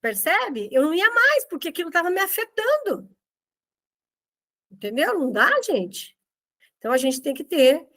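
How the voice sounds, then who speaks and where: A woman with a high voice that swings widely up and down, teaching a group. She speaks bluntly and with strong emphasis, never softening her point. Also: moderate pace, pauses often. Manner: very direct, expressive, emphatic. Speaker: therapy course instructor. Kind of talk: teaching a group review session.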